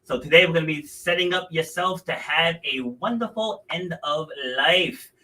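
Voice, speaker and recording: A bright, fairly high-voiced man hosts a podcast in a loose, chatty way, often stopping to correct himself. He sounds a little far from the mic, with a touch of distance on his voice. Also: normal speed. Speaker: podcast host. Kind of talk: casual interview hosting.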